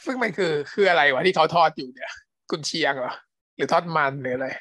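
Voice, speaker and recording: A man with a somewhat high, bright voice jumps into a casual chat. He fires off quick, curious questions at a rapid clip. The sound is dry and close. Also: lively intonation, no room sound.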